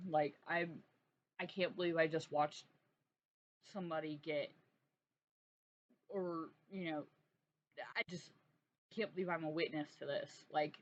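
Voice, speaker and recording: A woman hosting her own channel, telling a personal story in a halting, earnest way with many restarts. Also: sits low. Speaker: art channel host. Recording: dull lo-fi sound with faint noise.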